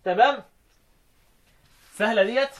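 A high-pitched man with an Egyptian accent teaching Quran recitation readings. He explains the verses one by one and keeps quizzing his student. He slows right down whenever he recites a verse. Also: fairly bright tone. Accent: Egyptian Arabic.

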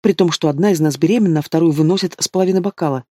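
A cheerful, pushy young woman coaxes her friend along without pause, as a man reads her. She talks fast and firmly, like a mother with a stubborn child. The read is dry and close, with no room around it. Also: on the high side, dark tone, no echo, close to an everyday voice. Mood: coaxing. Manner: insistent, bossy, coaxing.

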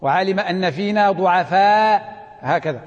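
High-voiced man teaching Quran readings. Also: moderate pace, in a large hall, lo-fi sound. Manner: questioning students, drilling them to repeat. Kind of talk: Quranic readings lesson with chanted recitation.

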